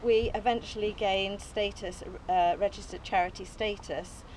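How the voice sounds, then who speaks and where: Her voice is medium-pitched, a little mellow and fairly even, moving at a moderate pace. An older woman from England who founded an allotment group, she reads an earnest, modest opening speech from notes on an open field outdoors, with small hesitations and light laughs. Slight background noise; a distant camera, no mic.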